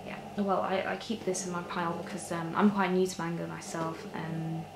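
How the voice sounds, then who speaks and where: A woman in a soft-spoken ASMR ASMR role-play as a librarian, talking in a hushed, gentle, hesitant way that nears a library soft voice. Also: lowish voice, level tone, normal speed. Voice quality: soft, hushed voice, near soft voice at times. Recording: roomy echo with clear background noise.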